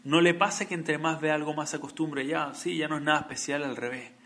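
Earnest man with a gravelly bright voice. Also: on the high side, steady tone, fairly quick. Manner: earnest, builds to emphatic peaks then drops to soft. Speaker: rabbi. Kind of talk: Torah sermon.

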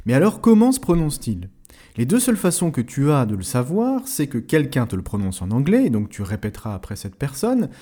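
Male teacher, husky warm voice, lively pitch, explains step by step to the listener. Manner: clear explanatory delivery, addressing the listener directly. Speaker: language teacher. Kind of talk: scripted educational lesson.

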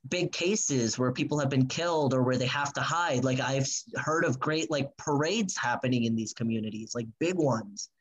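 A young woman who grew up in the United States, chatting casually and telling a story with animated quoted voices. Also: rumbling low, moderate pace, hardly any pauses, slightly rough, dull audio. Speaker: guest. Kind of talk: casual chat.

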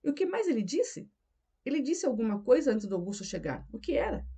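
A woman narrating a novel as an audiobook in a steady storytelling delivery. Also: a little high, a little fast, husky. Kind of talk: scripted narration.

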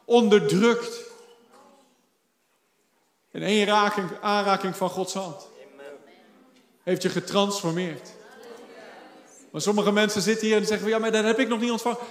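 High-voiced preaching man in echoey hall. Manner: passionate preaching, rising to shouts and dropping low. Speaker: pastor. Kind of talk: sermon. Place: church service.

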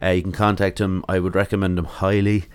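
An Irish-accented man in his late thirties hosting a casual interview podcast with informal, halting phrasing. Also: deep voice, little pitch movement, smooth, no room sound. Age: late 30s. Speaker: podcast host.

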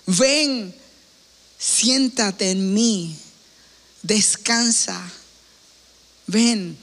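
Brief: man reading a gentle giving tree, soft and slow, long reverb. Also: sits high, heavily acted. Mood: tender. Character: gentle loving old apple tree, selfless.

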